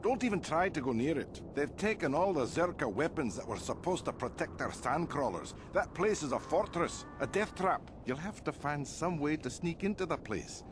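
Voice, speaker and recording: A man's voice: fairly high pitch, lively intonation, moderate pace, few pauses, noisy background, close to an everyday voice. A man voicing a tired male sandcrawler worker in a video game, warning about a dangerous enemy stronghold. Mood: weary. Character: weary male sandcrawler worker under siege.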